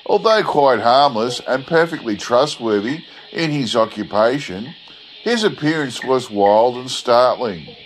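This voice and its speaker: Male narrator for literary storytelling: mid-pitched, unhurried, measured delivery. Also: expressive, slight background noise, rough recording. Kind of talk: scripted narration of an old bush yarn.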